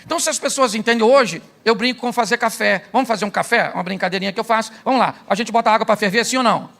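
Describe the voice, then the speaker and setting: A man's voice: sits high, very fast, gravelly, fairly bright tone. A middle-aged Brazilian man preaching a humorous sermon as a pastor, telling stories and acting out the dialogue. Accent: Brazilian Portuguese. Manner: storytelling, jokes, acts out dialogue.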